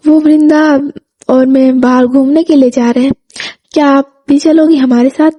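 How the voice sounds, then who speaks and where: A woman's voice: high-pitched, fairly even intonation, moderate pace, mellow, natural voice. Woman voicing a shy, polite young woman. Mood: gentle. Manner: hesitant, polite.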